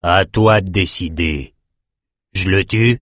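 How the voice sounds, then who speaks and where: A man voicing a fierce, brutal warrior king who speaks slowly and gruffly. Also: deep voice, a bit bright, no echo, studio quality.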